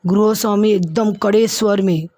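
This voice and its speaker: A woman teacher reading a lesson story aloud, pausing to explain difficult words. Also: mid-range voice, steady tone, dark tone, no echo. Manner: narrates slowly, stops to explain hard words.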